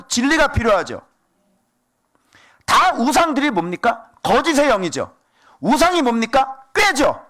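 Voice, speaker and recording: A man preaching a sermon as pastor, animated and asking the congregation rhetorical questions. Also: extremely high pitch.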